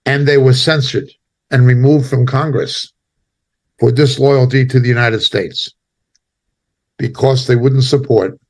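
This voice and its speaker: In short, halting bursts, a medium-pitched male preacher delivers fervent spoken commentary, his tone indignant and emphatic.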